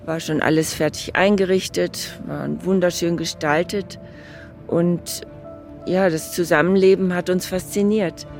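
A woman's voice: on the low side, steady tone, a little slow, a little mellow, faint music behind. Older woman recalling memories. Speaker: interviewee.

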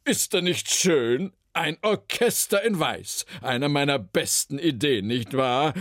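A man's voice: fairly high pitch, lively intonation, slow, fairly bright tone, no room sound, clean studio sound, voice pushed up, full character voice. A man reading a children's story, voicing a vain, flamboyant male opera conductor in a theatrical, exclaiming manner. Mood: beaming.

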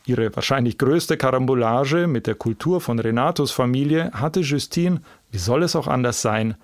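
A man's voice: mid-range voice, normal speed, no echo, studio quality. A man hosting a podcast, telling a personal story in scripted narration. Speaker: podcast host.

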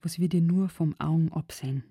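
A woman playing a young farmhand, dialect, grumbling, soothing, husky, dark, audiobook. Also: deep voice, fairly quick, dry recording, studio quality. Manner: grumbling, then gently soothing. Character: young farmhand man, gruff then tender.

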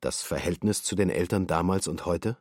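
A formal male presiding judge, read by a man in a documentary radio drama. He asks short, probing questions. The voice is very deep and husky, recorded dry and close. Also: moderate pace, darkish tone, no room sound.

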